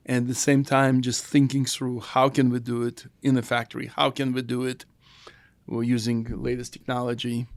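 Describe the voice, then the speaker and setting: A gravelly-voiced man from the former Soviet Union, with a Russian accent, is a founder guesting on a casual podcast conversation. His mid-range voice is recorded with no echo. He speaks in a halting, thoughtful way with restarts.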